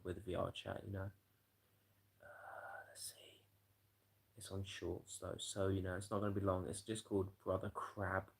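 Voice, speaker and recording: Worn-out man with a gravelly low voice. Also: poor audio. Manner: tired, rambling, swears a lot, yawning. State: exhausted. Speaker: livestreamer. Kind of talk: casual late-night stream chat.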